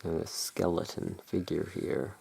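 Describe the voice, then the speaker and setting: The speaker is an ASMR creator and tarot deck reviewer doing a gothic roleplay in a hushed, slightly theatrical manner. Her low voice carries heavy fry and moves very slowly, shifting from reading cards aloud to relaxed commentary.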